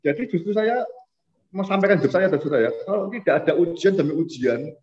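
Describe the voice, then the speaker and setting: Man, pastor, conversational sermon, slightly high voice, muffled recording. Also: lively intonation, fast, a little mellow. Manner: conversational, addresses listeners as saudara. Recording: dull lo-fi recording.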